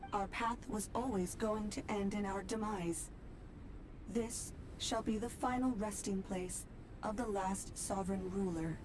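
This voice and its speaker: A woman's voice: mid-range voice, noisy background, natural voice. A woman playing an ancient exiled sovereign in a video game, solemn, fatalistic and declamatory.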